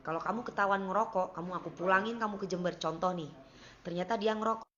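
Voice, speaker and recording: A woman in casual chat with her followers, speaking bluntly, giving examples and lecturing, at times dropping to a quiet voice. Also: on the low side, quick pace, highs cut off. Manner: blunt, lecturing, gives examples, drifts between topics. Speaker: singer talking to her followers. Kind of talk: casual live-stream chat.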